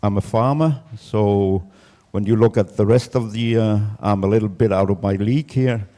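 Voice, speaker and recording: A man's voice: lowish voice, moderate pace, dark tone. A man from Denmark, a farmer giving a conference presentation in a hesitant way, with many fillers and restarts. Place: conference room.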